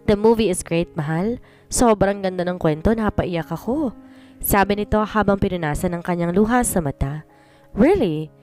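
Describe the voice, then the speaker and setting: A woman reading a first-person story in scripted narration, in one even voice, code-switching between Tagalog and English. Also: medium pitch, normal speed. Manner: reads every part in one plain voice, mixing Tagalog and English. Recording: voice over soft background music.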